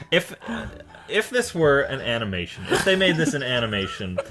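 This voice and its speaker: Young man with wry, lively banter. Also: medium pitch, noisy background. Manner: quick wry commentary, steering the show. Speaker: podcast co-host. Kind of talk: casual comedic banter.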